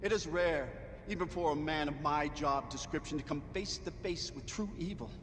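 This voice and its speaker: An actor playing a pompous fascist judge in a video game, declaiming in a grandiose, theatrical way. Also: male voice, moderate pace, a bit bright, close to an everyday voice. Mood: gloating, solemn. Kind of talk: villainous video game acting. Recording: reverberant hall with rumbling noise.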